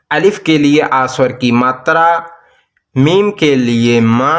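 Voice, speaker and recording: A man, teaching a lesson and drawing out each sound as he spells words out slowly. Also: mid-range voice, fairly bright tone. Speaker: language teacher. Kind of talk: slow explanatory lesson.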